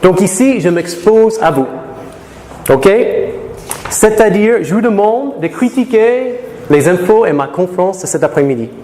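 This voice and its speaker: A man from Florida lecturing students in a lecture room, lively, and slowing to careful English for learners. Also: high voice. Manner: lively, switches to slow deliberate English for learners. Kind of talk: classroom talk to students. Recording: reverberant hall with faint noise.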